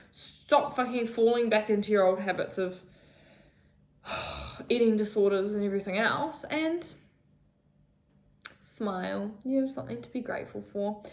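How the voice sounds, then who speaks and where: A woman's voice: mid-range voice, reverberant. A young woman, talking rawly and emotionally in a confessional vlog, swearing often, filmed on her phone. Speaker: vlogger. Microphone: phone camera.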